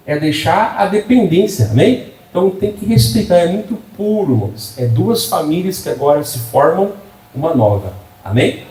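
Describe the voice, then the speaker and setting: Joking preacher in an echoey church. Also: male voice, high-pitched, lively intonation, normal speed, a little mellow, distant mic. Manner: humorous, folksy preaching with frequent call-and-response. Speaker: pastor. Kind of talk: sermon.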